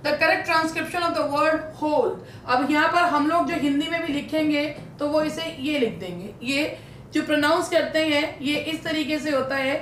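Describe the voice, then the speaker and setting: Woman, English teacher, high voice, unhurried, echoey room with faint rumble. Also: a bit bright. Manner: says English words slowly and stretches them out. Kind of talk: online lesson in Hindi and English.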